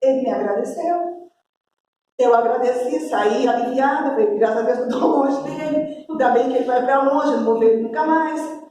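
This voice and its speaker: A woman's voice: high-pitched, normal speed, slight background noise. Brazilian woman pastor in an echoey hall. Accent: Brazilian Portuguese. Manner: lively storytelling, acting out dialogue. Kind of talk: sermon with storytelling. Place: church hall. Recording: echoey church hall, distant mic.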